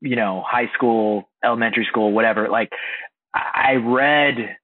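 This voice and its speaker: A man from Indiana chatting casually as a podcast host, halting with many fillers and restarts. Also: mid-range voice, no room sound. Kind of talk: casual chat. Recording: dry, phone-like, husky sound.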